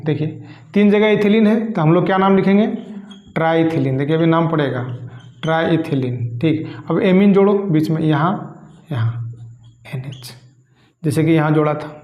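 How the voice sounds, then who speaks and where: A man teaching chemistry, asking questions and answering them slowly himself. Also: fairly high pitch, lo-fi sound. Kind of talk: classroom lecture. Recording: echoey room.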